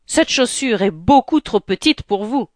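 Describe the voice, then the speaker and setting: A woman's voice: fairly high pitch, expressive, unhurried, no room sound. A woman voices a weary king's servant who keeps his manners while losing patience. Curt and clipped, a little raised. Dry and close. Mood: exasperated. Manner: curt, exasperated politeness. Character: weary king's servant, polite but annoyed.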